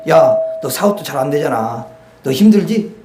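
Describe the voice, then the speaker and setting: Sly tempting devil, low and mocking, put on by a male preacher; roomy church sound. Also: expressive, moderate pace, music in the background, lightly acted. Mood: coaxing. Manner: coaxing, mocking, casual speech. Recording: echoey church hall, faint noise.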